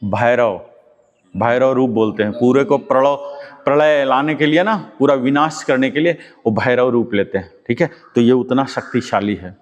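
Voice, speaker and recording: A man's voice: medium pitch, fairly even intonation, normal speed. A man leading a yoga class, giving patient step-by-step instructions and quizzing his students. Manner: patient, repeats key words and quizzes students. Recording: long hall reverb.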